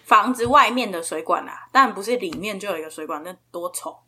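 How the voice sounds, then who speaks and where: A woman's voice: medium pitch, lively intonation, fairly quick, pushed and bright, slightly rough. A woman with a Taiwanese accent telling stories casually and informally as a podcast co-host. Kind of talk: casual chat, storytelling.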